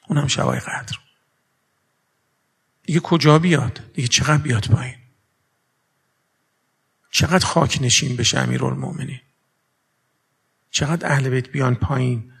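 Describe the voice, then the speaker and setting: A man's voice: mid-range voice, creaky, fairly bright tone, slightly rough. A man preaching a religious sermon with earnest rhetorical questions, moving between formal phrasing and everyday speech. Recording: long reverb of a large hall.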